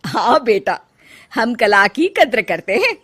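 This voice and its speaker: A woman's voice: on the high side, very animated, slow pace, a bit bright, husky, full character voice. Woman doing a kind old mother-in-law. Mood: proud. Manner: affectionate. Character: warm older mother-in-law, proud and kind.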